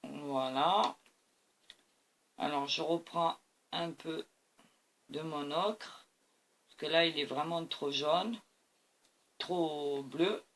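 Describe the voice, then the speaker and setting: A woman's voice: sits low, very slow, pauses often, slight background noise. A tired woman hosting a painting tutorial, talking to camera as she mixes colors and keeps praising them. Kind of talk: art demonstration talk to camera.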